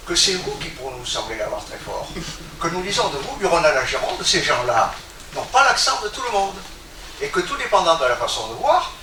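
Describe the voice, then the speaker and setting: A man reciting a poem aloud to a gathering in a declamatory, expressive way. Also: on the high side. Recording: echoey room from a distance, background noise.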